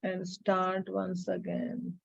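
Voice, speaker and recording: A woman's voice: lowish voice, completely flat delivery, takes it slowly, gravelly, slightly rough. Indian lady teacher on a screen recorded zoom class, dull lo-fi sound, keeps asking kids if they got it. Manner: checks students by name, repeats points. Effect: screen-recorded online class audio. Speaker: chemistry teacher. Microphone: video call computer mic. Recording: dull lo-fi video call audio.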